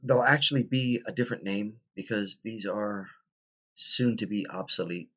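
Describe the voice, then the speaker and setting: A man's voice: fairly low pitch, moderate pace, a bit bright, dull audio. A tired man hosting a casual tabletop game tutorial, rambling with many ums and restarts. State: tired, stifling yawns.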